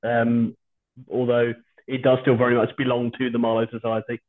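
A British man hosting a podcast in casual, rambling, hesitant chat with dry humour, recorded at home over a low-quality video call. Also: completely flat delivery, moderate pace. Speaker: podcast host. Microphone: video call without his usual microphone. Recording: low-quality online stream, phone-like sound.

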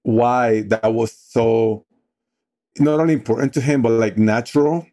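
A Dominican man in his forties, with a Dominican Spanish accent, tells his story casually as a podcast guest. His voice is medium-pitched and dark, his pace measured, and he frequently restarts and says "you know."

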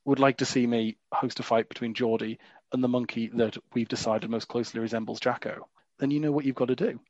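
A man's voice: mid-range voice, steady tone, brisk, darkish tone, no room sound. A man hosting a podcast in casual, jokey chat, full of asides and fillers. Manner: chatty, jokey, frequent "you know" fillers. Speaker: podcast host. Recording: dull lo-fi dry recording.

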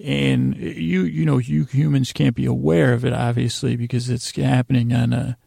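Meant to send listeners off to sleep, this male podcast host's bedtime monologue wanders, halts and drifts into absurd tangents that trail off, all in a lighthearted spirit. He has a gravelly, creaky, medium-pitched voice with a warm tone and little pitch movement, recorded cleanly in a studio with no echo.

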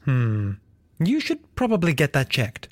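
A man playing an announcer in a comedy sketch, briskly reading out a list of symptoms as questions. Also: medium pitch, wildly swooping pitch, no room sound. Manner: brisk, listing symptoms in turn. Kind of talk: mock advert, rapid-fire questions.

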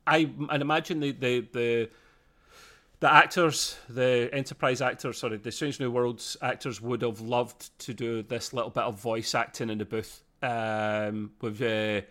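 A man's voice: medium pitch, fairly even intonation, measured pace, bright, forceful tone. A man with a British accent co-hosting a podcast, chatting casually in a rambling, self-interrupting way. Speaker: podcast co-host. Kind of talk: casual review chat.

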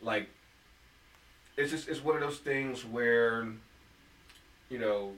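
A man co-hosting a casual podcast chat, animated and prone to repeating words as he gets going. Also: medium pitch, slow, recorded from a distance. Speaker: podcast co-host. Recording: echoey room, a bit off-mic, faint noise.

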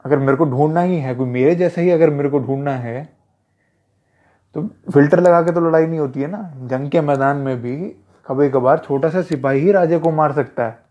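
A man's voice: on the high side, moderate pace, mellow. A man talking casually about self-defense as an instructor, repeating himself and calling the listener brother. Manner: conversational, repetitive, addresses listener as brother. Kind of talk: casual advice talk. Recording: dull lo-fi recording.

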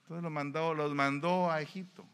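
A man's voice: a little high, fairly even intonation, moderate pace, fairly bright tone, clear, resonant tone. A man preaching a sermon, colloquial and emphatic, full of rhetorical questions. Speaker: pastor. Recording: long hall reverb.

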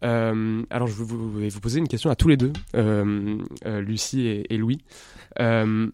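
A man's voice: lowish voice, steady tone, moderate pace, darkish tone. Earnest male film critic, full of fillers. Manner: hesitant, many fillers, earnest. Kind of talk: radio film review. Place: radio studio. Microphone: studio microphone.

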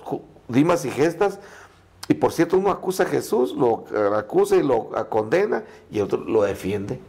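A man's voice: medium pitch, gravelly, a little mellow. A middle-aged male priest speaking earnestly in a conversational interview, telling his story with frequent restarts. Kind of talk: conversational podcast testimony.

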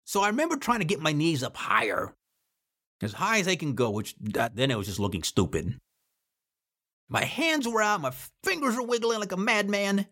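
A man telling his own story in a casual podcast, animated and freely swearing. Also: fairly high pitch, breathy edge. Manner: animated, swears freely, acts out shouted drill orders. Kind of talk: casual first-person storytelling.

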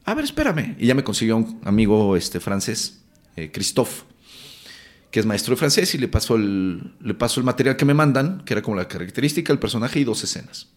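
Guest actor, male, Mexico City accent, lively anecdotal delivery with salty slang. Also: fairly low pitch, fairly quick. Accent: Mexican Spanish. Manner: animated, acts out quotes, swears casually. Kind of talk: casual storytelling interview.

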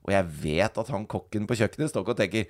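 A man, co-hosting a podcast, telling stories in casual chatty banter. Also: on the low side. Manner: storytelling, chatty, uses fillers like "liksom". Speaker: podcast co-host.

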